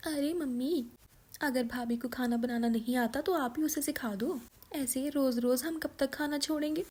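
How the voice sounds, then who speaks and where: A woman's voice: high-pitched, normal speed, darkish tone, breathy edge. A woman voicing a tattling young sister-in-law who complains to her mother.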